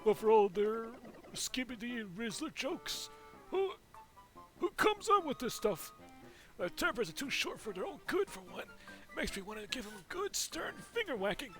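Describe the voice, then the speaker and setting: A man's voice: very high voice, very animated, moderate pace, fairly bright tone, soft background music, pitched above the performer's own voice, full character voice. A man voicing a forgetful old male turtle who rambles and keeps losing his train of thought. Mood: nostalgic.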